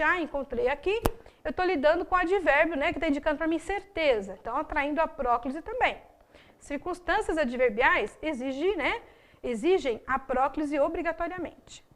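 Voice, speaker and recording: A woman with a Brazilian Portuguese accent teaching a grammar video lesson, explaining rules with many tag questions and reading example sentences slowly. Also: high voice, fairly bright tone. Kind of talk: recorded video lesson for exam preparation.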